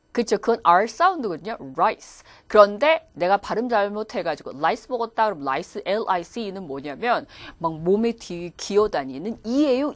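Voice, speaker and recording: A woman's voice: fairly high pitch, dry recording. Woman teacher doing a pronunciation lecture, voice going up and down a lot, acts out the words. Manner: animated, demonstrates English words aloud. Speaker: English pronunciation instructor. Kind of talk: video lecture.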